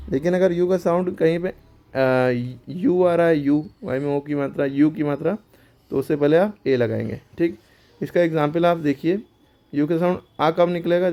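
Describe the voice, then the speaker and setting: Male teacher, mellow voice. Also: fairly high pitch. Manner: explains step by step, asks and answers his own questions. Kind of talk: grammar lesson for schoolchildren.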